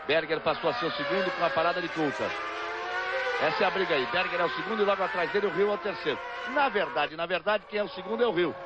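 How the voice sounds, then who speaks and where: A man's voice: high voice, fast talker. A man with a Brazilian accent working as a motorsport commentator, calling a race live. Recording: dull lo-fi broadcast, loud engine noise. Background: loud racing cars and trackside noise.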